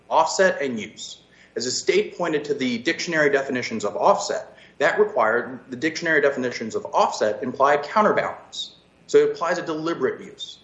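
A man's voice: medium pitch, a bit bright. A man arguing as an attorney, explaining his points emphatically in formal oral argument. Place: echoey room on a virtual hearing. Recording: echoey, dull video-call audio.

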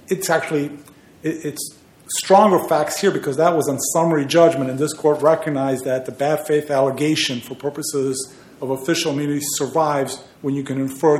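A man arguing a case as an attorney before an appeals court, earnest and emphatic. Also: fairly high pitch. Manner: earnest, emphatic legal argument. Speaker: appellate attorney. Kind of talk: oral argument before a court. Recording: echoey courtroom.

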